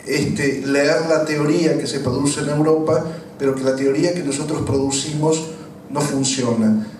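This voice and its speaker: A man's voice: a little high, a little mellow. A man with a Latin American accent putting a long, argumentative question to a panel in an articulate, emphatic way. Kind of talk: discursive, argumentative public question. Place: echoey room at a public talk. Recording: echoey room, distant mic, faint noise.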